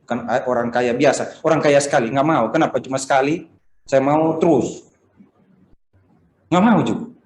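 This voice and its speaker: A man's voice: medium pitch, steady tone, a little fast, darkish tone, roomy sound. A man preaching a Sunday sermon over a video call, telling stories and often asking his listeners questions. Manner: conversational preaching, asks the congregation questions. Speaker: pastor.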